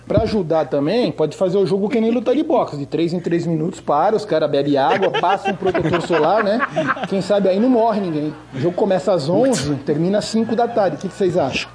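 A man's voice: high-pitched, lively intonation, brisk, crowd noise. A man with a São Paulo Brazilian accent leaving a casual, slangy, sarcastic rant as a radio listener. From São Bernardo, Brazil. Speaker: listener sending a voice message.

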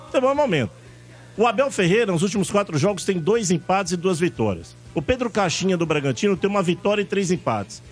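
Animated Brazilian man debating football. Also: high voice, fast, husky, faint music behind. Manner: emphatic, colloquial. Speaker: sports show panelist.

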